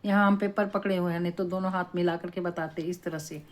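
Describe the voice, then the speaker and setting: A woman teaching a Sanskrit class, explaining slowly and deliberately and often checking in with her students. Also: fairly low pitch, fairly even intonation. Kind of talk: classroom lesson.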